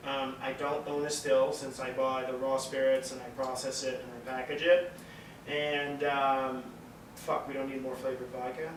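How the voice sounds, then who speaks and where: A Montreal man whose first language is French, a distillery founder, guests on a casual podcast interview, rambling through stories with plenty of fillers and swearing. His mid-range voice is flat and moderately paced. The mic sounds echoey and distant, with background noise.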